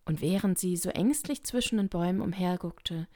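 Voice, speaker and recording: A woman narrating a children's story in a calm, even reading voice. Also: on the low side, moderate pace. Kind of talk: audiobook reading.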